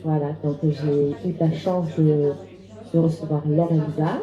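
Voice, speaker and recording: Hesitant low-voiced woman bookseller. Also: fairly even intonation, measured pace. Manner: hesitant, many "euh" fillers. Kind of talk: speaking at a book talk. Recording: roomy, dull sound with crowd behind.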